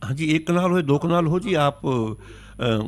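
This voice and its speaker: A man's voice: fairly high pitch, expressive, takes it slowly. A North Indian man giving courteous, instructive advice as an expert on a phone-in, repeating key points. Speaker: agriculture expert.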